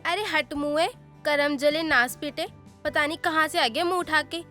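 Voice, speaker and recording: A woman voicing a nosy, gossiping middle-aged auntie in an animated story, scolding and nagging. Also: high-pitched, moderate pace, soft background music.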